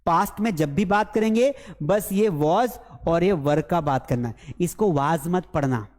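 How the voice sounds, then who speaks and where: An Indian man with a Hindi accent, teaching a live English class, drilling pronunciation again and again in a lively way. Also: sits high, unhurried, big-room sound. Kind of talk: live online class lecture.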